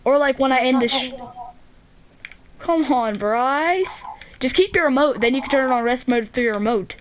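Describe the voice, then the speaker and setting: A woman's voice: sits high, lively intonation, moderate pace, muffled recording, background noise. A teenage girl hosting a gaming channel, telling a story in a rambling, casual way full of "like", restarts and swearing.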